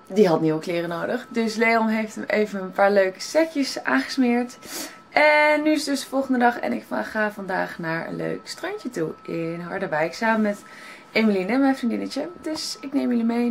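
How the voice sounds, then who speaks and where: A young woman with a Netherlands Dutch accent chatting casually to a handheld camera as a vlogger. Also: mid-range voice. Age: young adult. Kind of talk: casual vlog chat to camera. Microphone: handheld camera at arm's length. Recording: clear background noise, handheld camera.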